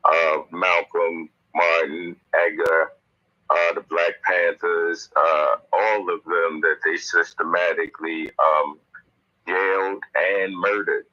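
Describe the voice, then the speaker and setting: A man's voice: low voice, little pitch movement, slow pace, pushed and bright. A man talking earnestly over a speakerphone call from his car, with frequent fillers and restarts. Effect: speakerphone call from a moving car. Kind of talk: casual discussion. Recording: dull, lo-fi car phone line.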